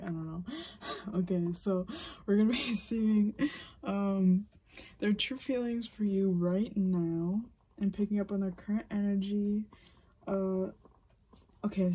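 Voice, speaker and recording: A woman giving a pick-a-card tarot reading. She is soft-spoken, musing and unhurried, and often slips into a whisper. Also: mid-range voice, slightly rough. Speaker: tarot reader.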